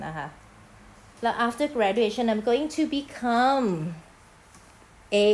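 A woman teacher from Thailand talks through a lesson in a friendly, chatty way. She slows down to read example phrases one word at a time and fills the gaps with polite endings and casual asides. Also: fairly high pitch. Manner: explains in Thai, reads English phrases slowly and clearly. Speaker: English teacher. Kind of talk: recorded lesson explanation.

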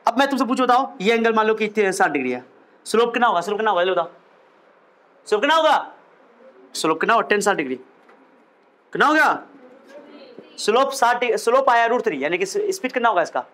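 A man's voice: high-pitched, expressive, brisk, pauses often, a bit bright. A man teaching physics in a lecture, asking questions and repeating key phrases. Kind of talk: classroom lecture.

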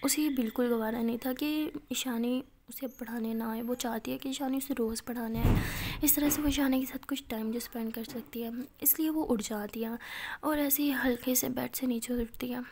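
A woman tells a romantic story in a casual, chatty manner. She speaks softly, often dropping nearly to a whisper, with a slightly high voice. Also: steady tone, normal speed, noisy background.

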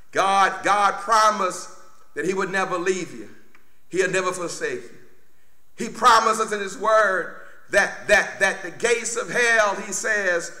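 Preaching a fervent Baptist Easter sermon, a middle-aged pastor speaks emphatically and exclaims, circling back to repeated phrases. His voice is high-pitched, bright and forceful, recorded through a boom-stand mic at the pulpit of a church sanctuary where the sound echoes.

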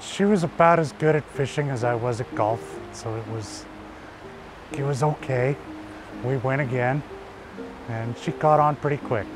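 A man's voice: medium pitch, unhurried, long pauses. A man, a fly fishing coach, speaking in a plainspoken, easygoing way in an outdoor interview. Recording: distant mic with music bed.

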